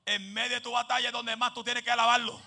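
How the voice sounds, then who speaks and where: Gravelly high-voiced fervent evangelist man. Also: little pitch movement, quick pace. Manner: fervent, mixes in English phrases; shouted repeated refrains. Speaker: evangelist preacher. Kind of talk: fiery Pentecostal sermon.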